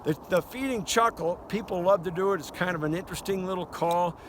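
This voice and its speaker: High-pitched older man outdoors. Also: a little fast. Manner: folksy, conversational. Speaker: duck calling instructor. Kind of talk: casual outdoor hunting lesson. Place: outdoors by a river. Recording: noisy outdoor recording with ambience. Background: outdoor noise, duck call quacks.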